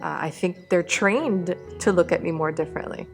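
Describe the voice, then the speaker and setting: A woman's voice: lowish voice, normal speed, darkish tone, soft background music. A woman speaking candidly as an interviewee, laughing often and restarting her sentences. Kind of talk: candid studio discussion.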